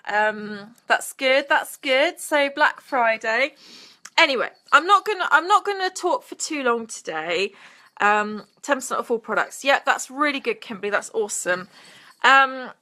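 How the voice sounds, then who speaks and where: Bubbly British woman, high and lively. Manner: bubbly, crude jokey asides. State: out of breath. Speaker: live stream host. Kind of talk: casual live stream chat greeting viewers.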